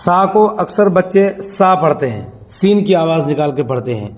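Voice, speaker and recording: A man with a somewhat high voice teaches children how to pronounce letters for Quran reading. He drills patiently and repeats himself, often stopping to quiz the pupils with quick questions. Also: animated.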